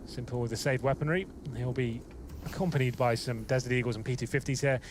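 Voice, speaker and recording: A man's voice: mid-range voice, fast talker, noisy background. A man commentating an esports match as a caster, giving flowing, analytical play-by-play.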